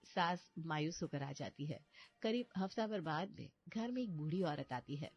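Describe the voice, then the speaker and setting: A woman's voice: low voice, animated, normal speed, slightly rough, muffled recording. A woman narrating a storybook family drama, with background music. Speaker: narrator voicing several characters. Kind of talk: storybook narration with acted dialogue.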